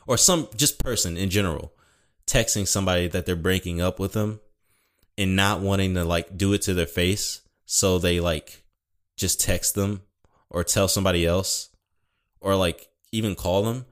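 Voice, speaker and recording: A man's voice: sits low, moderate pace. A young man talking casually and rambling, swearing often and correcting himself, with a mild speech impediment. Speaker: podcast host. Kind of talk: casual solo talk.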